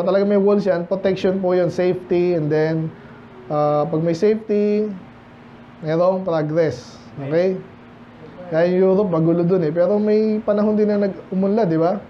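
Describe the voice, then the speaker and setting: High-voiced Filipino preacher joking with the flock. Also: male voice, dull audio, slight background noise. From Philippines. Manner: conversational, joking with the congregation. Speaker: pastor. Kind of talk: midweek Bible study sermon. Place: church.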